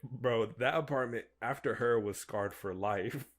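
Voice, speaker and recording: A man's voice: mid-range voice, unhurried. A young man co-hosting a podcast, talking in a laid-back, slangy way and quoting friends as he tells stories. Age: young adult. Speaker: podcast co-host. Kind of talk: casual storytelling chat.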